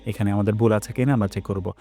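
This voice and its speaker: A man teaching a pronunciation lesson, explaining calmly and chanting Arabic phrases slowly with drawn-out vowels. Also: fairly low pitch. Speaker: Quran recitation teacher. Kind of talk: pronunciation lesson with recited examples.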